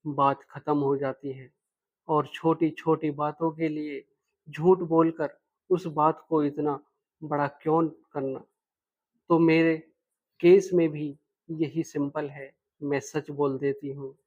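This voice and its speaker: A man's voice: fairly high pitch, a little mellow, lo-fi sound. A man voicing a frank teasing young woman. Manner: direct, playful, lightly teasing.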